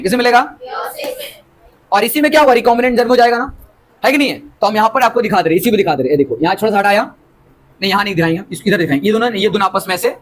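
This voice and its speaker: A man's voice: very high voice, fairly bright tone, poor audio. A man teaching biology in with English terms, lecturing a class and keeping students engaged by asking them rhetorical questions. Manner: explains with homely examples.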